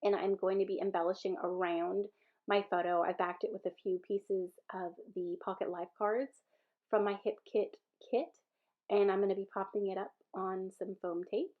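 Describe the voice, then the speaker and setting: A woman's voice: medium pitch, fairly even intonation, moderate pace, phone-quality sound. A woman with a Southern American accent and a stuffy nose, chatting casually through a craft voice-over and rambling with fillers and self-corrections. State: stuffy-nosed from a sinus infection. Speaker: scrapbooking video creator.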